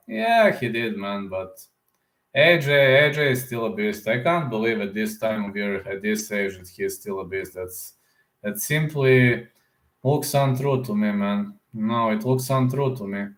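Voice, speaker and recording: A fairly low-pitched man rambles on a live stream, his voice echoing in the room. He's a combat sports YouTuber chatting casually, answering viewer comments aloud, repeating words and often ending with "man."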